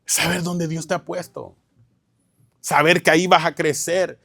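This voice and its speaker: Pastor guy preaching in church, bit high voice, keeps going "hermano?" at the crowd. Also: level tone, unhurried, sharp tone, dry recording, clean studio sound. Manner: peppers lines with "hermano" and rhetorical questions. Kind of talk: teaching sermon.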